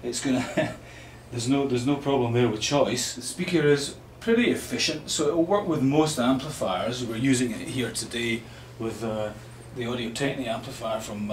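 A Scottish man in his fifties, exhibiting for a loudspeaker company, informally presents a product in a hesitant, unhurried manner at medium pitch. He's indoors in a small hotel exhibition room, which sounds roomy and carries light background noise.

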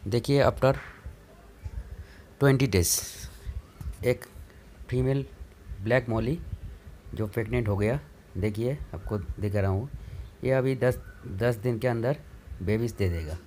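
Male host, casual step-by-step explainer, middle pitch, phone recording with faint hiss. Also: unhurried, pauses often, mellow. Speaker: channel host. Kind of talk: casual how-to narration.

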